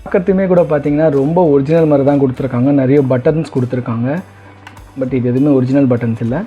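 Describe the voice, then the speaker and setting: A male video host with a medium-pitched voice talks quickly and conversationally through a casual product unboxing, mixing in English words. The recording is dull and lo-fi, with faint music in the background.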